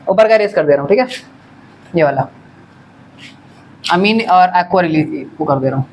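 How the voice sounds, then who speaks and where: A man's voice: on the high side, expressive, moderate pace, a little hiss or hum. Man teaching chemistry to a class. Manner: quizzing students, answering own questions. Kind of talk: classroom lecture.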